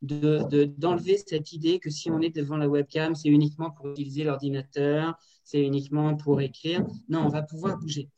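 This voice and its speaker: A woman teacher trainer leading an online workshop, lively and directive, often checking in with the group over a video call. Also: deep voice, fairly quick, few pauses, highs cut off, soft background music. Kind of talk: online workshop on classroom activities. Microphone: computer mic on a video call. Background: building works next door.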